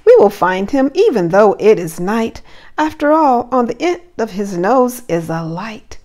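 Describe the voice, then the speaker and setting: A woman's voice: on the high side, very animated, a little slow, a little mellow. A woman voicing a flustered, worried old Santa Claus in a children's storybook, complaining and pleading dramatically. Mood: determined. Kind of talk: children's storybook read-aloud.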